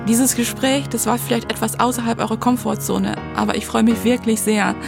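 Calm woman host, gravelly edge, music behind. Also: fairly high pitch, brisk. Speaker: podcast host. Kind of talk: scripted narration. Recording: music bed under voice.

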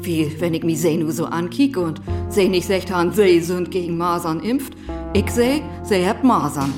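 A woman speaking with a Low German accent, acting a wistful role in a radio play and drifting into whispers. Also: normal speed, music in the background.

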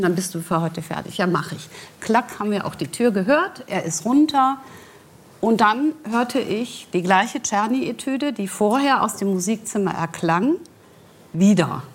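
Casting note: middle-aged woman, animated storyteller acting out dialogue. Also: mid-range voice. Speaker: guest, guest's mother. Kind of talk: storytelling anecdote.

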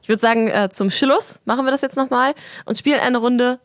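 A woman's voice: on the high side, steady tone, fairly quick, noisy background. A young woman co-hosting a podcast, reacting with jokes and teasing comments in casual chat. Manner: joking, teasing interjections. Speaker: podcast co-host.

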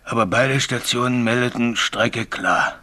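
An actor playing a frightened railway signalman haunted by a ghost, telling his story haltingly and growing frantic, in a 1980s German radio drama. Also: medium pitch, sharp tone. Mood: haunted, hushed. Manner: tells his tale haltingly, then grows frantic and desperate.

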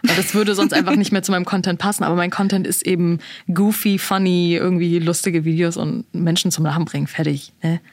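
A woman's voice: on the low side, fairly even intonation, brisk, few pauses, dry recording, studio quality. A young woman guest chatting casually, with slangy phrasing and bits of English mixed in. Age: young adult. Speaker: podcast guest, comedy creator. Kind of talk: casual chat.

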